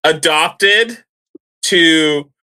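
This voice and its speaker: A man's voice: a little high, extremely slow, sharp tone, clear, resonant tone. A man co-hosting a casual podcast, telling stories with self-mocking humor and laughing between lines. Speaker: podcast co-host. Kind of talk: casual chat.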